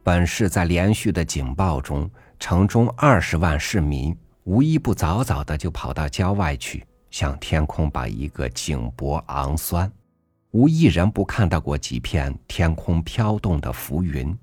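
A man reading a literary essay aloud for a podcast, measured and earnest, rising emphatically on rhetorical questions. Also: a bass voice, lively intonation, slightly rough, dry recording. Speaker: podcast reader. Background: soft background music.

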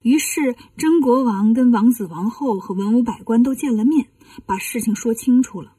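A woman narrating a classic tale for children, gentle and explaining. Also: fairly high pitch, moderate pace, slightly rough, no echo, recorded from a distance. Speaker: children's storyteller.

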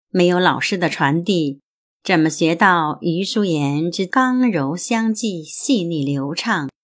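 A woman host reading an essay aloud in a measured, deliberate way. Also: lowish voice.

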